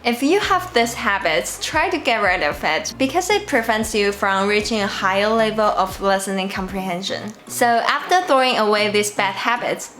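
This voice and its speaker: Female Mandarin teacher and channel host, slightly high voice, clear and deliberate delivery, scripted lesson. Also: a bit bright. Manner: clear, deliberate explaining to learners.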